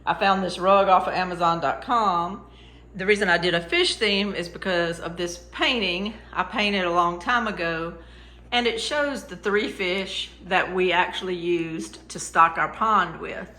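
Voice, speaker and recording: A woman's voice: fairly low pitch, measured pace, pushed and bright, roomy sound. A woman giving a casual, chatty tour in a homey way, with proud, happy enthusiasm. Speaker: vlogger showing her farm store. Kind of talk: casual home tour narration.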